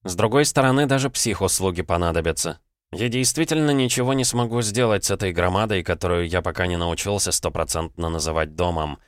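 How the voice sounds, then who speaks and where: A man narrating a first-person audiobook in a wry, conversational, even manner. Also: sits low, a little fast, dry recording, studio quality.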